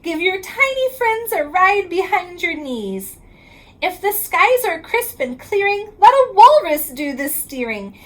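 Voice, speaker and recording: A reading specialist with a very high voice reads a rhyming picture book aloud to children. She goes slowly, in a sing-song rhythm that stretches each line's ending, her pitch moving up and down in a lively way.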